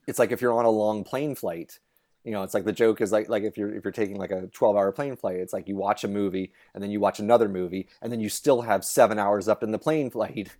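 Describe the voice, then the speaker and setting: A man's voice: fairly low pitch, steady tone, fast, a little mellow. A man, a researcher guest, explaining ideas conversationally and animatedly, with many restarts and voices put on for quotes.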